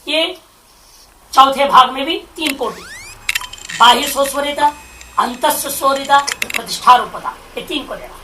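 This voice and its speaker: A woman's voice: sits high, moderate pace, pauses often, bright, forceful tone, slight background noise. A woman, a spiritual teacher, giving a scripture commentary lecture, explaining Sanskrit phrases line by line and asking rhetorical questions. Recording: echoey room, far from the mic.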